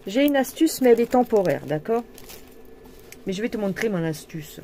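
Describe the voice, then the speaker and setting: Woman, craft vlogger, mellow tone, playful chatty delivery. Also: medium pitch, animated, normal speed, slight background noise. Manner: chatty, playful, puts on a jokey accent. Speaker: cross-stitch vlogger. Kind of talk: casual chat while embroidering.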